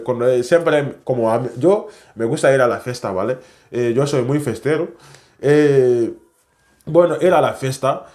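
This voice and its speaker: Young man, speech; animated casual vlogger. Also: mid-range voice. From West Africa. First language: French. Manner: animated, chatty, non-native Spanish with tag questions. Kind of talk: casual storytelling to camera.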